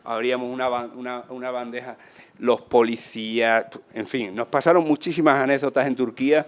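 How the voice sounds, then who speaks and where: A man from Spain with an Andalusian accent, telling travel anecdotes in a casual, animated way and acting out the voices of people he met. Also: mid-range voice, a little fast, clean tone. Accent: Andalusian Spanish. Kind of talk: casual storytelling talk.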